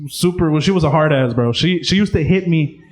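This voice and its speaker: A man's voice: fairly high pitch, brisk, a little mellow. A young man from a Mexican-American family doing a casual, slangy stand-up comedy set, calling people "bro".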